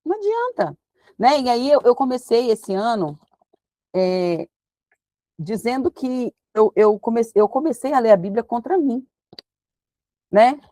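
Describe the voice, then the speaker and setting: A woman's voice: a little high, no echo. Woman teaching a Bible study. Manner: reads scripture slowly, then explains in a lively, conversational preaching tone.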